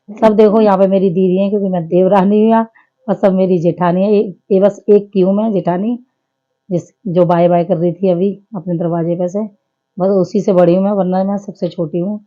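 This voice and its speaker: A woman's voice: fairly low pitch, dull audio. A woman in her thirties giving a chatty, homely running commentary over her family vlog. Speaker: family vlogger.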